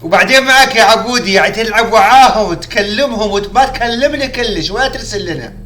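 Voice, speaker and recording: A man's voice: high voice, racing, sharp tone. A middle-aged man with a Gulf Arabic accent, chatting with family in a scolding, teasing manner. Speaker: father of the game master, dropping in on the call. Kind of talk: casual family chat. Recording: faint background noise.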